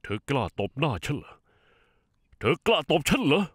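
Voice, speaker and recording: A man's voice: fairly high pitch, sing-song, moderate pace, a bit bright, breathy edge, no room sound, studio quality, exaggerated voice. A man voicing an arrogant, bullying older brother-in-law in a dubbed TV drama, sneering and threatening. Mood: indignant.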